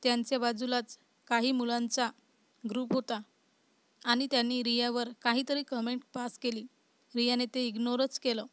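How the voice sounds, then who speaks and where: A woman narrates a spoken story in an even, unhurried voice. Her pitch sits a little high and stays flat, with little rise and fall. The sound is dry and close, with no room around it. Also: clean tone, dry recording.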